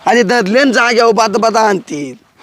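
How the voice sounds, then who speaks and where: A young village lover coaxes and pleads in a village comedy sketch, by turns scheming and excitable. His voice is on the high side, and the recording is dry and close. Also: normal speed, dry recording. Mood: coaxing.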